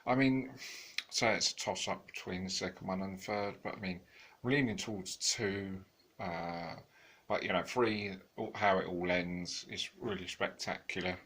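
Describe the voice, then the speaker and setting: Rambling deep-voiced man reviewing films. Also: fairly even intonation, moderate pace, fairly bright tone. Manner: rambling, many fillers and restarts. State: tired, yawning. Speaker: home video reviewer. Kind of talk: casual unscripted review.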